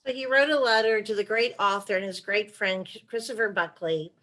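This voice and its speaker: A woman with a mid-range voice and sharp tone, an author and former chief of staff, reads letters with measured storytelling during a video call interview.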